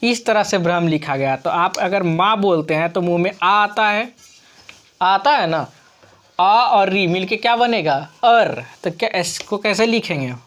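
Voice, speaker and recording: A woman's voice: medium pitch, lively intonation. A woman teacher explaining grammar rules on screen, patiently asking questions and answering them herself. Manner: slow, patient, asks and answers her own questions.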